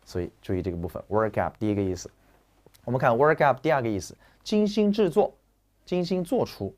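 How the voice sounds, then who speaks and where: Joking, lively man teaching vocabulary. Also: medium pitch, brisk. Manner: lively, joking, slangy explaining. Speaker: English teacher. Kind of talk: classroom vocabulary lecture.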